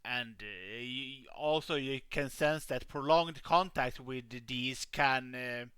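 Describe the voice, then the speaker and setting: A man's voice: mid-range voice, takes it slowly, bright, forceful tone, clean tone, no echo. A man running a tabletop game as game master, narrating hesitantly with many fillers.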